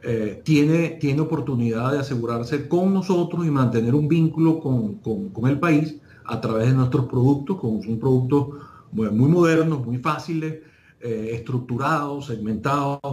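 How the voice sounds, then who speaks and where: A man hosting an interview, speaking haltingly, repeating words and stacking adjectives. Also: darkish tone. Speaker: host. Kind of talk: interview, pitching insurance. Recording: roomy echo with faint rumble.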